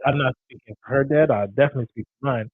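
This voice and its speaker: A man's voice: medium pitch, racing, dry recording. A man co-hosting a live podcast, joking along in casual chat and reading out discussion points. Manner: playful, upbeat when promoting the channel. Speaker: podcast co-host. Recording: tinny phone-like dry sound.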